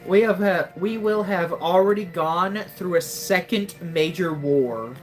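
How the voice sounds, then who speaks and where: A woman in her twenties casually comments on her gameplay during a live stream, wry and joking and often exclaiming to herself. Her voice is on the low side and unhurried, with faint music behind.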